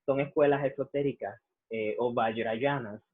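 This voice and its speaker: A man from Puerto Rico with a Puerto Rican accent, a Buddhist reverend calmly explaining his tradition with many "eh" fillers. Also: medium pitch, husky. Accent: Puerto Rican Spanish. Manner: measured, frequent "eh" fillers. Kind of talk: explanatory interview answers. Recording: tinny phone-like line.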